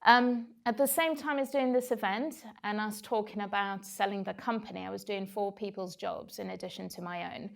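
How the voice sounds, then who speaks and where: A South African woman in her forties speaks on stage with a South African accent, telling her own story candidly to an audience. Her mid-range voice is creaky, with fairly even intonation, normal speed and hardly any pauses, and her reflective talk is full of "um" fillers.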